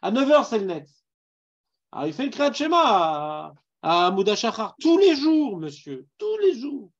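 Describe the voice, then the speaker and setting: Animated Parisian man teaching Talmud. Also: high voice, moderate pace, lo-fi sound. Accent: Parisian French. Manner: animated, questions students, mixes in Hebrew terms. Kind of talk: Talmud class.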